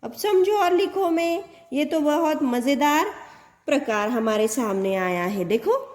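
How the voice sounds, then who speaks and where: A woman teacher, slowly explaining a lesson to young children, sounding out letters and words and answering her own questions. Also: sits high, lively intonation, darkish tone, echoey room. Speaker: primary school Hindi teacher. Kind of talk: slow classroom explanation to children.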